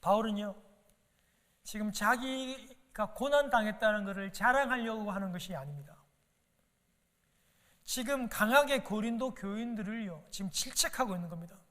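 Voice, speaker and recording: A man's voice: high-pitched, normal speed, fairly bright tone. A male pastor preaching a sermon in a church, emphatic, repeating words and asking rhetorical questions. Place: church sanctuary. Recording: long reverb of a church hall.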